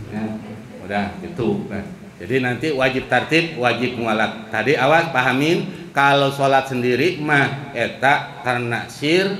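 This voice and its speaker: A male Islamic teacher gives a slow, explanatory religious lesson, chanting Quran verses as examples. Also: medium pitch, fairly bright tone. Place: boarding school study hall. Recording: echoey room with faint background noise.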